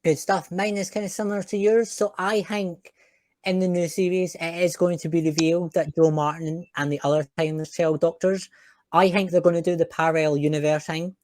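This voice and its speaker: A man's voice: fairly high pitch, level tone, a little fast, no room sound, studio quality. A man hosting a podcast, chatting in an opinionated, chatty way with some fillers. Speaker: podcast host. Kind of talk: casual chat.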